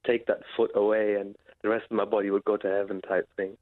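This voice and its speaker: Man calling in, halting speech, deep voice, flat delivery, phone-line sound. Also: dry recording. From Britain. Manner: halting, many fillers and pauses. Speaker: caller. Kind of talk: phone-in radio call.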